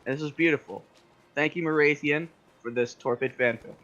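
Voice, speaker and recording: A man's voice: on the high side, normal speed, a bit bright, muffled recording. A man hosting a game stream, chatting casually and reading viewer fan fiction in a theatrical way, laughing often. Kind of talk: casual chat and mock-dramatic reading.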